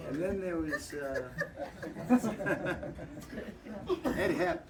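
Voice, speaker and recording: A man's voice: on the high side, drawn-out words, a loud crowd. An older man giving a laughing, anecdotal talk at a club gathering. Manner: lively, laughing storyteller. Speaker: club speaker. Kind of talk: anecdotal after-dinner talk. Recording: distant mic, loud background noise.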